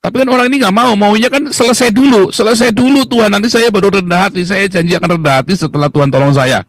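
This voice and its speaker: A middle-aged man telling his faith story in a preachy way, acting out prayers and dropping low and slow for emphasis. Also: dry recording, clean studio sound. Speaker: guest sharing a faith testimony. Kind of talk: preachy personal testimony.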